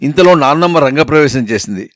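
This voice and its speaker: Expressive male storyteller, dry sound. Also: fairly high pitch, a little fast, dry recording. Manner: expressive first-person storytelling. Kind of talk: dramatic story narration.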